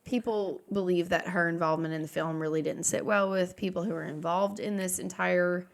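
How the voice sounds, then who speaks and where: A woman's voice: on the low side, steady tone, fairly quick, creaky. A woman co-hosting a podcast, leading the talk and going through her researched notes in a casual, filler-heavy way. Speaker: podcast co-host leading the episode.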